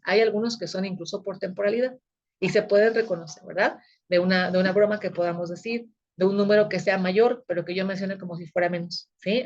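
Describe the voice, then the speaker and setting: A woman talks through a recorded video lecture in a relaxed, conversational way. She keeps checking that her listeners are following as she goes. Her voice sits at a middle pitch, and the recording sounds a little muffled. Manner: conversational, frequent checking tags. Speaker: teacher.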